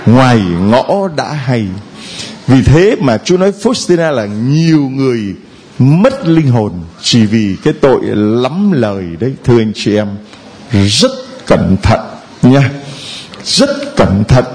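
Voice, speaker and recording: Animated preaching man, lively pitch. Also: takes it slowly, slightly rough. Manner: lively, animated preaching with sung snatches and mimicked voices. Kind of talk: sermon at a retreat.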